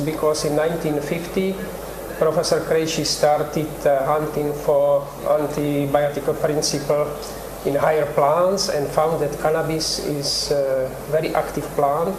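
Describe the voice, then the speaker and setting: An older man with a Czech accent, a researcher explaining his work haltingly, with many pauses, in a TV studio interview. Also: fairly high pitch. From Czech Republic. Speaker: cannabis researcher guest. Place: TV studio set. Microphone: lapel mic. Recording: roomy studio with background noise.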